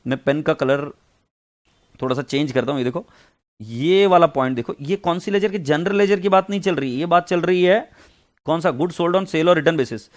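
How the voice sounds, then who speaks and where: A man with an Indian accent teaching an accounting class online. He mixes Hindi and English, reads textbook lines out slowly and calls his students "beta". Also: a little high. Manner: addresses students as beta, chatty asides.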